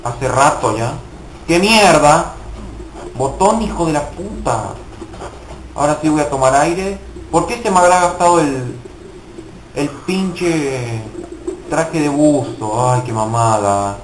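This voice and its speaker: A man's voice: on the high side, takes it slowly, echoey room, slight background noise, poor audio. A young man casually commenting on his gameplay, swearing and mocking himself in frustrated outbursts. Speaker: gaming video host.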